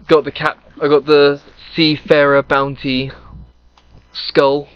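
A man with a slightly high voice talks casually through a video game. He explains things in a plain, matter-of-fact way. The audio is a little dull and lo-fi. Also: level tone, slow pace, clear, resonant tone. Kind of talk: casual gameplay chat with a co-player.

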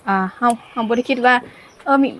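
A cooking vlogger from Laos, speaking with a Lao accent, talks a little fast in a fairly bright voice. She's outdoors in the sun, chatty and laughing a lot, while her niece records on a camera.

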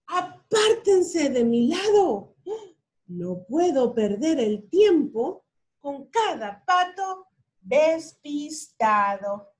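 A woman's voice: high voice, expressive, takes it slowly, darkish tone. A woman doing a big bossy dump truck. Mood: impatient. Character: big proud impatient male dump truck.

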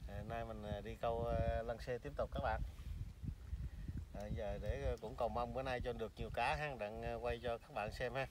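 A man in his fifties with a Southern Vietnamese accent, chatting casually to camera as a fishing vlogger by a canal, pausing often with filler sounds. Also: mid-range voice, far from the mic, noisy background. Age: 50s. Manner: halting, many drawn-out filler sounds. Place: outdoors by a canal in rain and wind.

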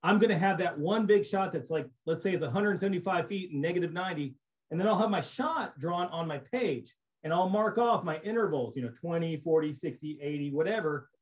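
A middle-aged man giving a relaxed recorded slideshow lecture on cave surveying over a webcam, explaining casually with frequent restarts. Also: a little high, fairly quick. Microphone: webcam on a video call.

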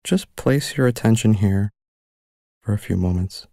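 Male meditation narrator, relaxed dark tone, gravelly fry, calm and gentle, lingering pauses. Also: fairly low pitch, no room sound, clean studio sound. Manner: calm, gentle, unhurried instruction with long pauses. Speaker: meditation guide. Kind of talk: guided mindfulness meditation narration.

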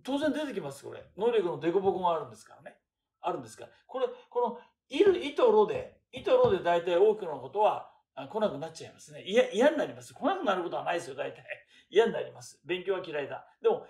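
Older man, casual lecture, high lively voice, rhetorical asides, echoey room. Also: fast. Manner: chatty, rhetorical questions, many fillers. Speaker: lecturer on classical texts. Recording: roomy echo.

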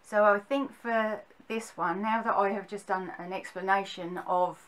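A woman's voice: mid-range voice, fairly even intonation, normal speed, rough recording. A middle-aged woman with a Suffolk accent, explaining things to camera in a casual, hesitant, rambling way. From Suffolk, England. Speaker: vlogger explaining local dialect. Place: small furnished room at home, indoors.

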